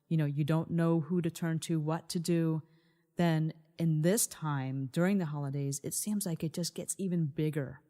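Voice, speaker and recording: A woman co-hosts a wellness podcast, explaining things earnestly in a conversational style. Her voice sits low with a dark tone.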